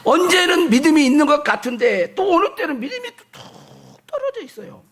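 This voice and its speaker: A middle-aged man preaching a Sunday sermon as pastor, reading scripture slowly and swinging between loud declaring and soft low asides. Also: sing-song. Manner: reads scripture aloud slowly.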